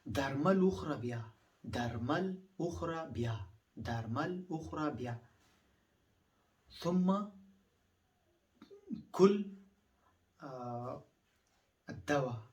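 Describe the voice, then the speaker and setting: A man's voice: medium pitch, lively intonation, slow pace, long pauses, a little mellow, far from the mic. A man from Afghanistan whose first language is Pashto, teaching phrases in a lesson and repeating each one several times with patient explanations.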